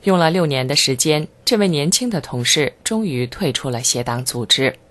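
In a mid-range, even voice, someone narrates a first-person script, measured and sincere throughout while leaning on fervent emphasis.

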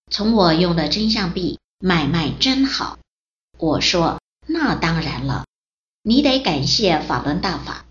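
Slow-reading woman in an echoey room. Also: lowish voice, fairly bright tone. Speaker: reader of a personal testimony. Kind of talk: read-aloud first-person account. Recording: roomy, dull lo-fi recording.

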